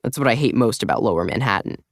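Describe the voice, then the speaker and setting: A man's voice: medium pitch, animated, fast talker, vocal fry, no room sound. A man narrating an audiobook in first person, with a casual, wry, confiding manner, on a close studio mic.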